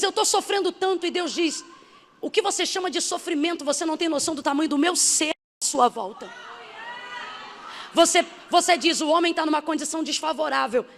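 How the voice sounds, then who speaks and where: A woman missionary preaching a sermon with emphasis, building to shouts. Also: sits high. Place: church hall. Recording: hall reverb.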